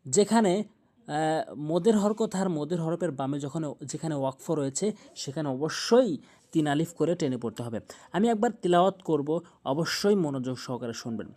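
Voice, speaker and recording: A man teaching correct Quran pronunciation, explaining each rule and repeating the words slowly to drill them. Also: on the high side, animated, warm tone.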